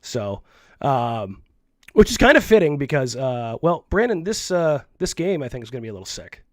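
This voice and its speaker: A man's voice: mid-range voice, sing-song, normal speed, dry recording, clean studio sound. Recovering sick man hosting a podcast. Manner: frank and rambling, with many restarts. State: still a little sick. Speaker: co-host. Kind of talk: casual sports podcast chat. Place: at home while isolating. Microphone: own microphone, muted between coughs.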